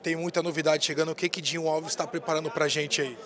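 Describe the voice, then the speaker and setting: Bearded guy hosting interview at a music fair, handheld mic, hyped slangy banter, kinda high voice. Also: little pitch movement, fast, a bit bright. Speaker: interviewer host. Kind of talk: casual event interview. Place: indoor music fair booth.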